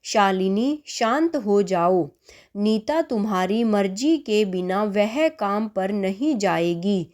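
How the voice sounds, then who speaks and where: A patient middle-aged husband soothes and reassures his wife in a storybook tale, as a woman does his voice. He speaks slowly and steadily. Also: medium pitch, expressive, a little mellow. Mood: soothing.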